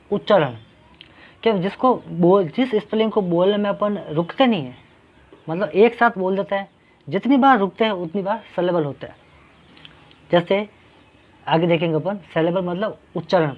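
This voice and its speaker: A man teaching an English grammar lesson. He explains patiently, repeating each point and asking questions that he then answers himself. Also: high-pitched. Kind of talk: classroom-style grammar lesson. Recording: dull lo-fi recording.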